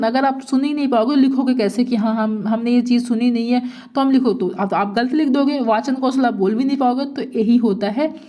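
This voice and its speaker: A woman's voice: on the high side, dark tone. Woman teacher asking and answering her own questions. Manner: asks rhetorical questions and answers them, repeating points. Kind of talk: exam-prep lecture.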